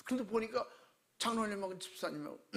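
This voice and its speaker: A man pastor preaching a sermon, animated and acting out quoted voices with shouts. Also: sits high, moderate pace, creaky.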